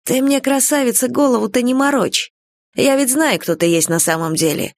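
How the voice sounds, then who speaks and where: A woman voicing a skinny, suspicious male detective who talks in a taunting, threatening way, pitched higher. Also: moderate pace, no room sound, close to an everyday voice.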